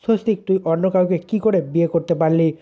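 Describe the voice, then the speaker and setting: A narrator reading the lines of a grief-stricken father who pleads haltingly with his son. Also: medium pitch, muffled recording, close to an everyday voice. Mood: pleading.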